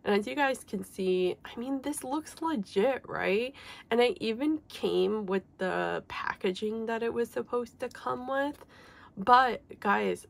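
A young woman talking casually to her viewers while she shows off collectibles. Her voice has a gravelly, croaky edge because she is sick. She speaks slowly and unhurriedly, with plenty of filler words. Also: a little high. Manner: chatty, many fillers like "like" and "um". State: sick, voice a little off. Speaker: K-pop collector vlogger. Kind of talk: casual unboxing chat.

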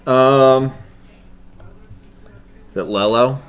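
A man's voice: medium pitch, extremely slow. A man co-hosting a casual challenge video, groaning and squeamish as he talks. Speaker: co-host. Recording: clear background noise.

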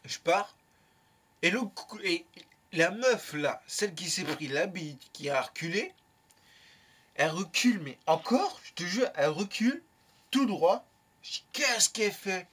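Young male vlogger, bright and a bit high, tells a rambling anecdote full of slang and curses. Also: a little slow, breathy edge. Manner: lively, slangy, swears freely. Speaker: YouTuber. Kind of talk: casual storytelling.

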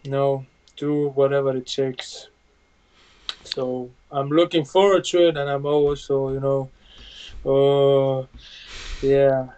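A man's voice: medium pitch, little pitch movement, dark tone, smooth. A man in his thirties from Bosnia, a native Bosnian speaker, answering interview questions in English over a video call from a room at home, with many fillers and restarts. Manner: plain halting speech with many fillers. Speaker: UFC fighter guest. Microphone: video call webcam. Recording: dull lo-fi video call audio.

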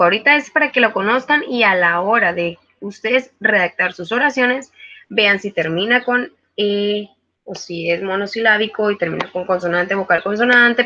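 Bright-voiced woman tutoring online. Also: medium pitch, lo-fi sound. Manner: patient, explanatory, with frequent hesitations. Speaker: virtual tutor teaching English. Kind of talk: live online class.

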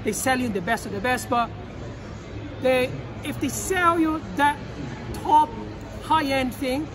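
A man in his thirties, hosting his channel in an indoor expo hall, talking excitedly in loose, rapid phrases. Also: very high voice. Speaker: channel host. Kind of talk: casual expo walkthrough. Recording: crowd noise behind.

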